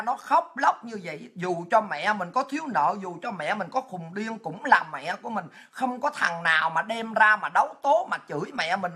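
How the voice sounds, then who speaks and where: A woman's voice: mid-range voice, sharp tone, slightly rough. A woman with a Southern Vietnamese accent, delivering an angry, profane political rant as an online commentator. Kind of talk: ranting online monologue.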